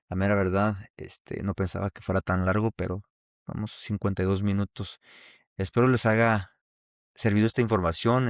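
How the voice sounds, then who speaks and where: Speaking with a Mexican Spanish accent, this podcast host from Mexico has a fairly low-pitched voice. His casual solo show is rambling and full of restarts, recorded in studio quality with no echo.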